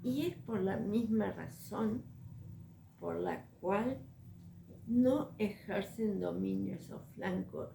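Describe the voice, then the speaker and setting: A woman teaching a religious lesson as a spiritual coach, measured and deliberate, pausing often to find her words. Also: mid-range voice, creaky, mellow, echoey room, slight background noise.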